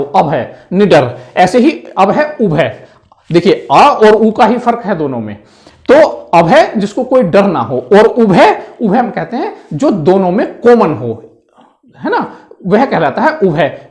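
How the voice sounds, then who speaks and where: In an exam-prep lesson on word pairs, a Hindi teacher with a mid-range, darkish voice explains patiently. He repeats each word and often checks in with "है ना."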